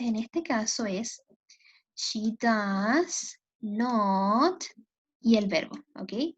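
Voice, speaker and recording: A woman teaching English grammar, slowly and patiently repeating each point in two languages, with a Latin American Spanish accent. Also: a little high, a little mellow. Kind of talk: bilingual grammar lesson. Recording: dull lo-fi computer audio.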